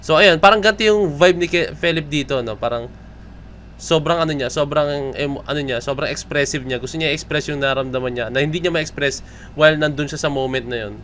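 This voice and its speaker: Brisk and fairly bright, his voice runs on the high side against slight background noise. He's a young Filipino-accented vlogger chatting through a music video reaction, switching between Tagalog and English and repeatedly asking "no?" at the end of his lines.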